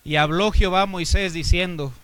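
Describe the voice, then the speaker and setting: A Mexican pastor preaching in a fairly high voice with a Mexican Spanish accent. He rises to loud exhortation, drops to quiet asides, and throws rhetorical questions at his listeners. The sound is dry and close, with little room echo. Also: fairly even intonation, a little fast, smooth. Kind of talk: sermon.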